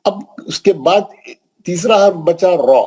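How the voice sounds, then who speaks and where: A man teaching Quran recitation rules, asking questions and answering them, with slow drawn-out recited examples. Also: high-pitched, a little mellow, slightly rough, low-quality recording. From Hyderabad, India. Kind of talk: classroom tajweed lesson.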